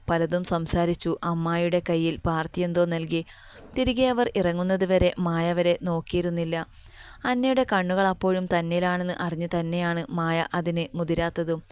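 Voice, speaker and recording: Woman reading a romance story slowly and emotionally, low voice, dry. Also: a little mellow, clear, resonant tone, dry recording. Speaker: story narrator. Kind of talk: scripted narration of a romance story.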